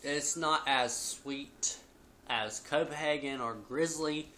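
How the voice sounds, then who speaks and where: A man in his twenties chats casually through a product review with chewing tobacco packed in his lip. His voice is bright and mid-pitched, and he takes his time. A faint noise sits behind him in a home living room recording. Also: takes it slowly. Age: 20s. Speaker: video host. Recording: noisy home webcam recording.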